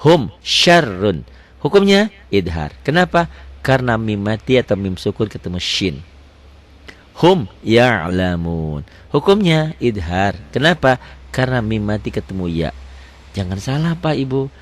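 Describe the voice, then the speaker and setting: A man teaching tajwid. He quizzes the class with his own questions and recites verse examples slowly and drawn out. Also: medium pitch, sing-song. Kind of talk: tajwid lesson.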